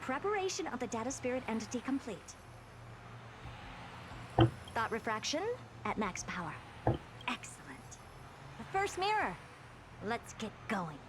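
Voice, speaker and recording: A woman's voice: on the high side, big pitch swings, unhurried, pauses often, background noise. A woman voicing an imperious, self-assured female scholar in a video game, commanding and impatient. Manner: commanding, theatrical, self-satisfied.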